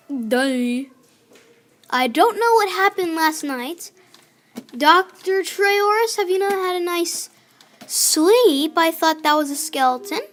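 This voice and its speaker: Young girl gamer, high pitch, chatty game commentary, faint clarinet music behind. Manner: chatty, scolding her game villagers. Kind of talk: casual gameplay commentary.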